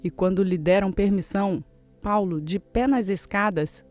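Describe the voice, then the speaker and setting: A reader giving a measured, steady reading of scripture, as in a daily Bible reading plan. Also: mid-range voice, faint music behind.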